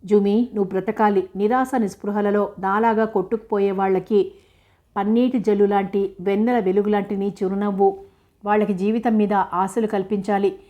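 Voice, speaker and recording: A woman's voice: medium pitch, little pitch movement, moderate pace, phone-quality sound, natural voice. A woman reading an anguished, lovesick young man. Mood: pleading. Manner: pleading, emotional.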